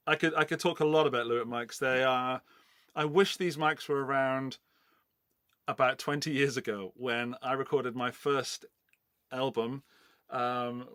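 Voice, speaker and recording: A middle-aged man from the Forest of Dean in Gloucestershire, England, hosts a casual livestream giveaway, rambling along in a loose, chatty way. His voice is medium-pitched and a bit bright. The studio sound is clean, with no room sound.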